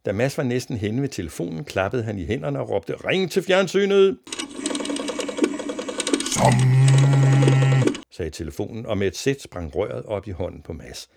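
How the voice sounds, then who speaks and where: A man reading a children's story aloud in an expressive narrating voice. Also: fairly low pitch, vocal fry, few pauses, heavy background noise.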